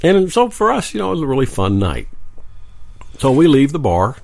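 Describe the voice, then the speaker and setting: A man's voice: mid-range voice, wildly swooping pitch, moderate pace, creaky, a little mellow, no echo. A man co-hosting a podcast, telling a story in a wry, joking way. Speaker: podcast co-host. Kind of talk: casual storytelling chat. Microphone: podcast microphone.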